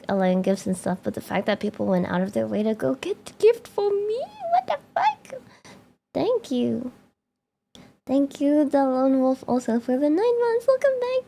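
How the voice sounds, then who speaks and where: A young woman is live-streaming and chatting loosely with her viewers, sounding excitable as she laughs a lot and swears without restraint. Her voice is high with noticeable vocal fry.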